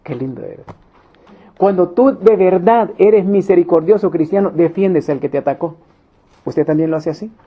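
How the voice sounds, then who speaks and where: Emphatic high-voiced preacher man. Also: moderate pace. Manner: emphatic, repeats key phrases, acts out little quoted scenes. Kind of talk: Bible study teaching. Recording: dull lo-fi recording.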